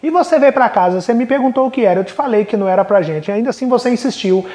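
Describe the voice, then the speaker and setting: A man doing a caring mother, earnest, patient, quick-spoken, a touch higher than his own voice, in a retold story. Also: animated, mellow, echoey room, close to an everyday voice. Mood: tender, proud. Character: caring mother explaining to her young son.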